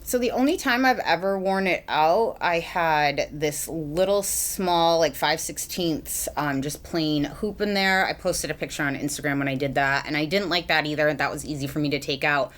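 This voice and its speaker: She speaks at a normal speed with few pauses, her voice sitting low and fairly bright in tone. A young adult woman from Massachusetts, she's a beauty vlogger rambling casually through a get-ready-with-me makeup session with lots of ums and likes.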